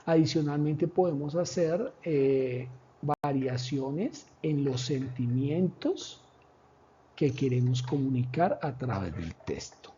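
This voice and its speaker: A man presenting a lesson plan in a measured, explanatory way, with pauses and fillers. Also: medium pitch, animated, warm tone, a little hiss or hum. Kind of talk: slide presentation. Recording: dull lo-fi recording.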